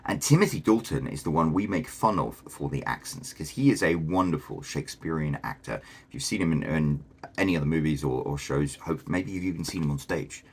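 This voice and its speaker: A man's voice: extremely low pitch, lively intonation, brisk, husky. A man hosting a casual video commentary, chatty and enthusiastic, with lots of fillers. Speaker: host.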